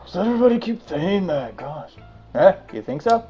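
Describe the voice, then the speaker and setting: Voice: medium pitch, very animated, moderate pace, mellow, faint music behind. Joking let's play host, dull lo-fi sound. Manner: jokey, reads the player character's lines aloud. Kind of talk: casual gameplay commentary.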